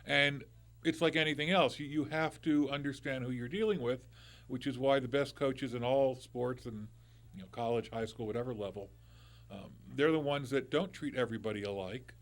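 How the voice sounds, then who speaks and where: The host of a live call-in radio show is a loud middle-aged man talking into a studio mic at normal speed with a medium pitch. His delivery is casual and loose, marked by restarts and small side remarks as he circles back.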